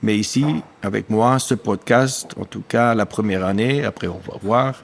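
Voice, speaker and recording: A dairy farmer in his sixties from the German-speaking east of Belgium speaks French as a second language with a German accent, haltingly hunting for words during a conversational podcast interview. His voice sits fairly low with some vocal fry, and there's slight background noise.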